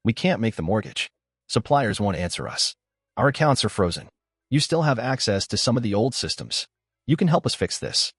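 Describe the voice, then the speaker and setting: A man's voice: on the low side, big pitch swings, moderate pace, a bit bright, slightly rough, no echo, studio quality, exaggerated voice. A man voicing a middle-aged foster father who talks in curt, self-justifying lines, in a storybook reading. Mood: pressing.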